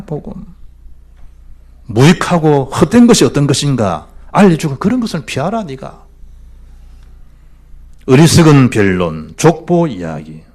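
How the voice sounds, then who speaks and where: A male pastor with a Gyeongsang accent preaching a sermon in church, swinging between loud exhortation and hushed asides. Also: a little high. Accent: Gyeongsang Korean.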